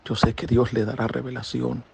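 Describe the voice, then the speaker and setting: A man's voice: mid-range voice, little pitch movement, normal speed, a little mellow. A pastor, a man, earnestly recounting a prophetic dream in a voice message, sounding shaken by it. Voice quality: gravelly, very husky voice.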